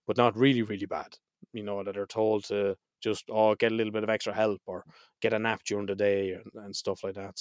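Clean studio sound with no room ambience carries a fairly low male voice, a bit nasal because the host has a head cold. He is casually introducing his mental health podcast alone, blunt and unafraid to curse.

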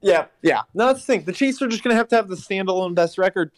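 A young man co-hosting a casual sports podcast, quick to correct and tease the others. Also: high-pitched, lively intonation. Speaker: podcast co-host.

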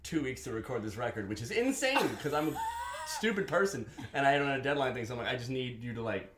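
A man's voice: mid-range voice, fast talker, a little hiss or hum. A man in his thirties chatting casually in his home studio, telling stories with lots of swearing and laughs. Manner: animated storytelling, swearing, laughing. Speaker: podcast host, musician. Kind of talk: casual chat. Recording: echoey room.

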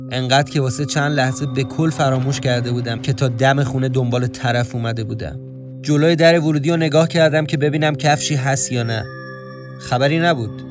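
A man narrating a suspenseful first-person story in a tense, inward tone. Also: medium pitch. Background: faint music.

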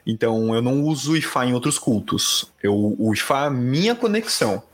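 A man's voice: medium pitch, lively intonation, a little fast. A man from São Paulo with a Paulistano accent, speaking as a podcast guest in a reflective, explanatory way. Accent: Paulistano Brazilian Portuguese. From São Paulo, Brazil. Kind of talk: conversational interview.

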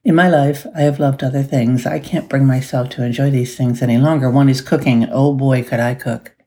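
Gravelly-voiced woman podcast host. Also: rumbling low, steady tone, a little fast, dark tone. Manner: chatty and upbeat, with little laughs. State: groggy early-morning voice. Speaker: podcast host and life coach. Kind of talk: casual solo podcast talk.

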